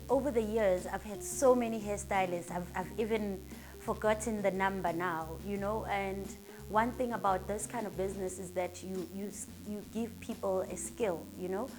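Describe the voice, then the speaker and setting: Medium in pitch, this woman's voice carries a South African accent. She is in her thirties, owns a salon in Durban, and responds to interview questions earnestly, with an upbeat and motivational tone.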